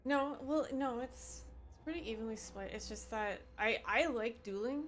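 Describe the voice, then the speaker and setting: A woman's voice: on the high side, normal speed, a little hiss or hum. A woman from Canada hosting a gaming livestream, chatting casually and bluntly with friends and laughing often. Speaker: streamer.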